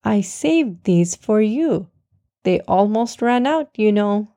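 A woman voicing a kind, gentle older woman handing out treats in a storybook. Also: medium pitch, lively intonation, no echo, studio quality. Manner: gentle, slow.

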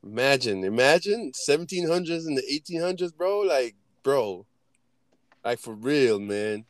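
A young man in casual chat on a podcast, animated and slangy, saying bro often. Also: medium pitch, a little slow, no room sound.

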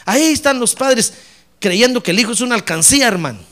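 A man preaching a lively sermon as a pastor, acting out church members in comic voices. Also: extremely high pitch, fast talker.

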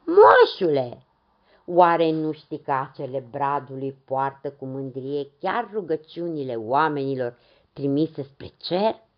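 A woman voicing a proud, gentle magical fir tree in a storybook tale, on a dull lo-fi recording. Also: sits low, close to an everyday voice.

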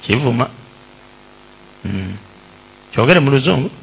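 A man from Uganda preaching a sermon in short bursts for an interpreter, jumping his voice up high for emphasis. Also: measured pace, vocal fry, husky. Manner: animated, switches pitch high for emphasis. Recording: dull lo-fi sound.

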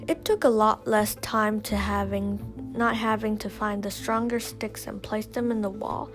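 A woman's voice: mid-range voice, fairly even intonation, measured pace, soft background music. A woman reading a first-person adventure story aloud, often dropping to a whisper.

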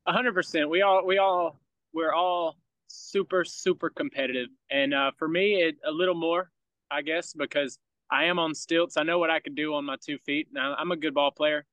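A young man from rural Georgia, speaking with a Southern country accent, talks as a guest on a podcast, casually telling easygoing stories and chuckling often. His voice sits on the high side, with a steady, slightly bright tone at normal speed. The recording is low quality but has no echo; he's also a baseball player.

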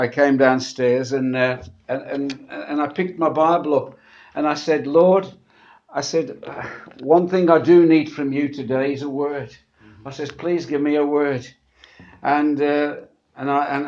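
A preacher addresses his congregation in a church sermon that includes scripture reading, his voice slightly husky and a little high from a sore throat after a medical procedure. He talks in a halting, conversational way, often repeating words. The recording is dull and muffled.

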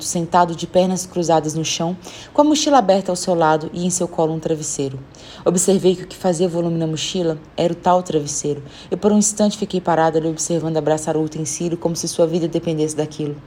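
A woman narrating a story in the first person, reading it aloud with lively voiced dialogue. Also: low voice, slight background noise.

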